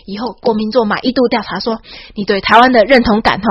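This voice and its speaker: A woman with a Taiwanese Mandarin accent giving a mock-boastful satirical monologue, dropping a breathy "ha" into nearly every phrase. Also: on the high side, fast talker, dry recording, dull audio. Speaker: satirical commentator. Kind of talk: sarcastic comic monologue.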